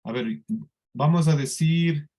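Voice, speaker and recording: A man teaching an English class in Spanish with a Colombian accent, explaining slowly and patiently and often checking that the students follow. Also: a little high, dark tone. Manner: slow, patient explaining with frequent checks for understanding. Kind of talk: classroom lesson.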